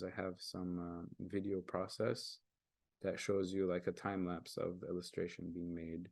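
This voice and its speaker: A young Kenyan man, a native Arabic speaker, presents his creative work as a guest artist in a casual, earnest way. His voice is somewhat low, and he often stops, restarts and fills gaps with ums. The audio is dry and close with no echo, like a video call.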